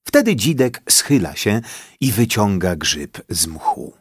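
A man reading a children's story aloud in an expressive, drawn-out way. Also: lowish voice, slightly rough, no room sound, studio quality.

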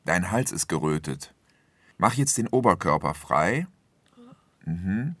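Man acting a deep-voiced, reassuring family doctor. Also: sing-song, takes it slowly, fairly bright tone, no echo, exaggerated voice. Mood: attentive. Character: friendly reassuring male family doctor examining a patient. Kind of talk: scripted language-learning dialogue acting.

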